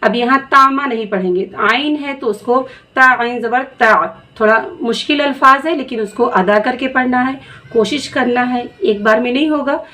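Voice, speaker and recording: A woman teaching Quran reading, spelling out letters slowly and patiently before blending them into words. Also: a little high, fairly bright tone. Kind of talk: slow spelled-out recitation lesson.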